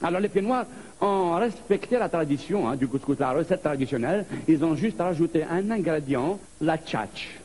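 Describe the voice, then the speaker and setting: A man from Algeria performing a stand-up comedy monologue, telling stories in a lively way. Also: fairly high pitch, normal speed, a little hiss or hum. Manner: lively storytelling with put-on voices.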